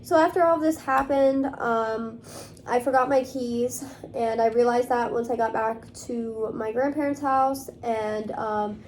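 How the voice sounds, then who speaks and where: A woman's voice: on the high side, steady tone, measured pace, a little mellow, slight background noise. A young woman vlogging to camera in casual talk, rambling along with many fillers. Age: young adult.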